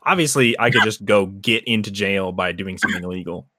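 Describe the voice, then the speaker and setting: A man's voice: on the low side, fairly quick, pushed and bright, no room sound, studio quality. A young man in casual banter with friends, teasing and rambling through his thoughts. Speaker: friend in a group chat.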